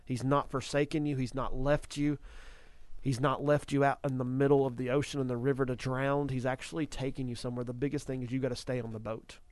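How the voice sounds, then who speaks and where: A man's voice: medium pitch, flat delivery, brisk, a little mellow, dry recording. A man hosting a faith talk show, speaking earnestly and repeating phrases for emphasis. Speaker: ministry podcast host.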